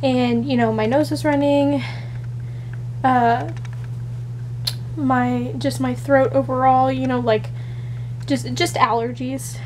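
She speaks slowly with frequent pauses, her high, steady voice a little mellow, and a faint hiss or hum runs under it. The vlogger, a young woman in her twenties who is sick and shaky, rambles casually with fillers and restarts, filmed close up on a built-in camera mic in her small bedroom.

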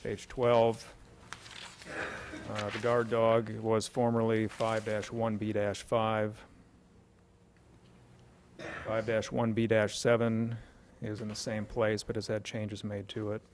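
A middle-aged man at a podium mic in a council chamber reads off ordinance changes in a flat, low, measured voice. He pauses on filler sounds and keeps an even, businesslike pace. A faint hiss of room noise sits behind him. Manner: measured, matter-of-fact, with frequent uh fillers. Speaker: city official presenting an ordinance. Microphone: podium microphone.

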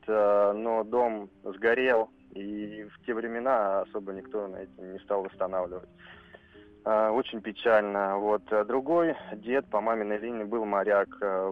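A young man in his twenties calls a radio program, nervous and stumbling over his words with frequent fillers. His voice sits a bit low, and it comes through a thin telephone line. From Lipetsk region, Russia. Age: 20s. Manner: nervous and halting, many fillers. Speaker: radio caller. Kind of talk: phone-in recollection. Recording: phone line.

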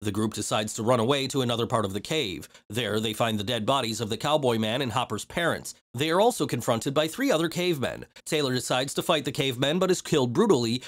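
A man narrating a movie recap in a steady, even scripted read. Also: mid-range voice.

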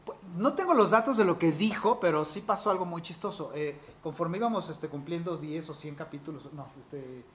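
A man, a voice actor telling stories from his career in an interview, animated and peppered with fillers. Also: on the high side, slight background noise. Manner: animated, quick anecdotal storytelling with fillers like "este". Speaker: voice actor guest. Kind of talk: interview storytelling.

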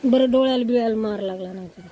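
Woman, chatty vlogger, warm low-bright tone, high pitch, yard outdoors. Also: fast talker, slight background noise, rough recording. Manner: chatty, showing things to viewers. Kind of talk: casual village vlog.

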